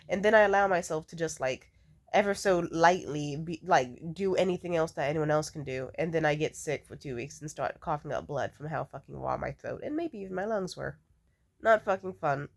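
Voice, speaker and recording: A woman with a cold and congested nose chats casually, telling stories in an animated, dramatic, sweary way. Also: on the low side. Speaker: vlogger. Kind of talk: casual rambling storytime chat.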